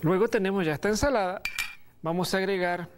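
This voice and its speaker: A middle-aged man presenting a recipe on a studio kitchen set, relaxed and pausing often with fillers. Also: high voice, a little hiss or hum. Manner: relaxed, hesitant with many fillers. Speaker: cooking show host. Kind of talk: cooking demonstration.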